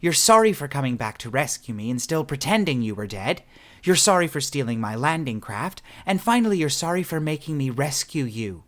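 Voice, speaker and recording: A man's voice: medium pitch, normal speed, pitched above the performer's own voice, close to an everyday voice. A male narrator voicing a guarded young woman who speaks dryly and firmly, in audiobook narration. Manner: dry and firm.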